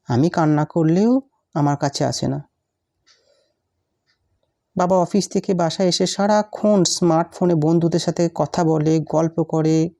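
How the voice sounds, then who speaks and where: Brief: recited story; a lonely little girl, read by a woman, plaintive and pleading, low mellow tone. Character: lonely neglected little schoolgirl, wistful.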